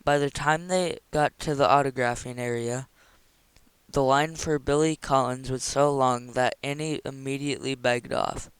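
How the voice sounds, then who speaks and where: A man reading a novel chapter aloud in a steady, even narration. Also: medium pitch, moderate pace, smooth, no room sound, poor audio. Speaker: audiobook reader.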